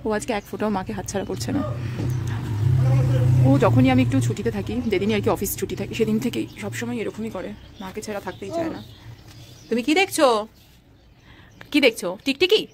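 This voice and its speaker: A woman's voice: medium pitch, expressive, fairly quick, pauses often, noisy background. A young woman filming her toddler at home, narrating and coaxing him with playful baby talk.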